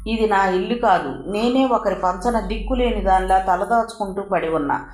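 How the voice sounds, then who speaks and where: A woman's voice: mid-range voice, normal speed, darkish tone, natural voice. A woman voicing a proud, overworked young woman who answers curtly and indignantly. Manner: curt and indignant. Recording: roomy echo.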